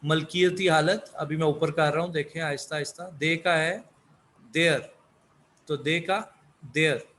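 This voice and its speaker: Slow, patient man teaching English. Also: fairly high pitch, steady tone, fairly bright tone. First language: Urdu. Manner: asks questions then answers them, repeats words. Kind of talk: slow explanatory lesson.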